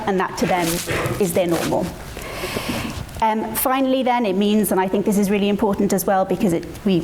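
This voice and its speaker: A woman speaks earnestly to a conference in a medium-pitched voice. She is deliberate and emphatic as she presents. There is faint noise in the background. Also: mellow. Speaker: panel speaker on assessment.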